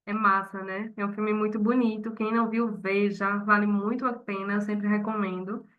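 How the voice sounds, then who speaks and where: A woman teacher closing an online class, speaking softly and in a friendly way because she has a cold. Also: mid-range voice, level tone, normal speed, phone-quality sound.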